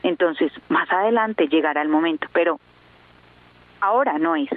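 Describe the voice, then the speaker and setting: A woman's voice: low voice, normal speed, no echo. A woman in her thirties, an interview guest, telling her personal story earnestly and hesitantly, with many fillers. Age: 30s. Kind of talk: emotional personal testimony. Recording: tinny phone line, dry.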